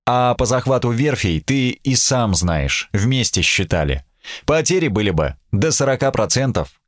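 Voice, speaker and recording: A man's voice: mid-range voice, sing-song, moderate pace, no echo, studio quality, pitched above the performer's own voice, close to an everyday voice. A man voicing a defiant ship captain who speaks with open sarcasm. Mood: calm, firm. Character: mocking, unbowed male ship captain.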